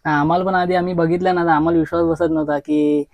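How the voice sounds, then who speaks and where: A woman's voice: deep voice, little pitch movement, quick pace, darkish tone, dry recording. A woman chatting and asking questions outdoors in a village. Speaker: co-vlogger, interviewer. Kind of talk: casual chat.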